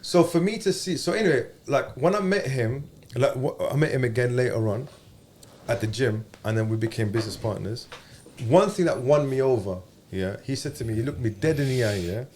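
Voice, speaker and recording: A man's voice: mid-range voice, expressive, fairly quick, darkish tone, slight background noise. London roadman-accented man, casual podcast talk. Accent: London, urban street. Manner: street slang, frequent check-in questions. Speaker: podcast host.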